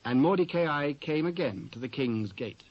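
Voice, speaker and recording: A British man narrates scripture from a script as the storyteller in a dramatised reading. His voice is on the high side and expressive at a moderate pace, captured with no room sound on dull lo-fi cassette audio.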